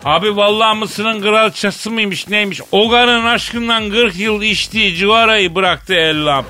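A man's voice: sits high, normal speed, bright, forceful tone, soft background music, voice pushed up. A man voicing a polite young Brutus who speaks with a Tokat dialect and a pleading drawl. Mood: pleading, gossipy. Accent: Tokat dialect of Turkish.

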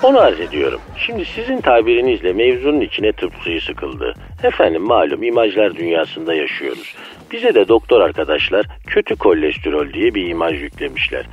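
Give me a man playing bad cholesterol on the phone, a low husky voice swinging wildly in pitch, courteous and mock-philosophical, with dull phone-line sound. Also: exaggerated voice. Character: bad cholesterol personified as a polite, smooth-talking man. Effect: heard over a phone line. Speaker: phone-in guest. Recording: dull phone-line audio with faint music.

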